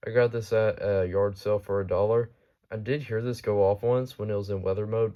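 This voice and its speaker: A man with a lowish, warm voice hosts a collection video, casually showing off his weather radios in an off-the-cuff show-and-tell.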